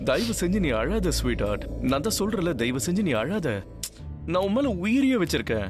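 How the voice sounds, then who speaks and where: A man's voice: high-pitched, very animated, fairly quick. A man voicing a fiercely devoted husband in a dubbed TV serial, speaking with intense emphasis, scornful toward his rival. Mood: tender. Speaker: husband declaring love for his wife. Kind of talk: Tamil-dubbed TV serial acting. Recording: TV drama dub with faint music behind.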